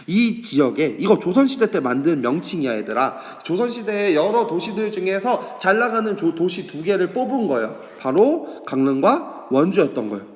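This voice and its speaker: A male high school teacher gives an online history lesson, asking students questions and answering them himself. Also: sing-song, normal speed, few pauses, long reverb tail. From Korea. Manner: acts out students' questions in a higher voice. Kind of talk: online class lecture to students. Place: classroom or office, recording an online lesson.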